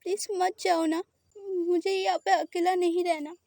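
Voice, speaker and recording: A woman's voice: very high-pitched, flat delivery, unhurried, creaky, mellow, no echo, clean studio sound, voice pushed up, full character voice. A woman voicing a frightened, tearful young woman who pleads in a crying voice. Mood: tearful, pleading. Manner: sobbing, pleading voice.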